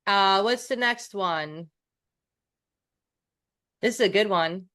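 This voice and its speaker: A woman's voice: medium pitch, slow, fairly bright tone. A woman from New York co-hosting a coaching podcast, chatting casually with restarts and self-deprecating asides.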